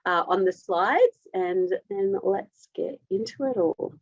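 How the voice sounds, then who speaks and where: A woman's voice: medium pitch, expressive, takes it slowly, dry recording. Aussie woman presenting a webinar, upbeat and direct, dry dull call audio. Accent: Australian. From Australia. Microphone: video call.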